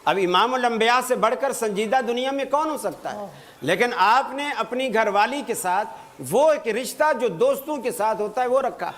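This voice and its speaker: A man giving a religious talk to an audience, telling stories with light humor and reciting Arabic phrases slowly. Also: extremely high pitch, animated, fairly bright tone. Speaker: Islamic preacher.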